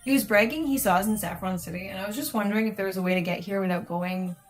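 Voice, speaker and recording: A woman's voice: mid-range voice, very fast. A woman casually chatting and teasing while watching a video game being played. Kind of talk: casual gameplay chat. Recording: faint game music behind.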